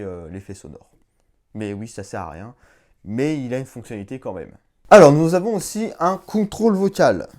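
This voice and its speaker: A young man casually demonstrating a gadget, chatty and hands-on, with the odd swear, sounding out English voice commands slowly and with effort. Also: medium pitch, a little mellow. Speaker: YouTuber reviewing a collectible. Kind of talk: casual product demo.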